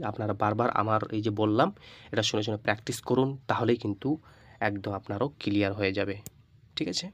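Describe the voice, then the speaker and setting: A man teaching Quran reading in Bengali, spelling out letters slowly, patient, often asking and answering his own questions. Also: medium pitch, no echo. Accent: Bangladeshi Bengali. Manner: patient, repeats and asks rhetorical questions. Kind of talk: slow spelled-out lesson.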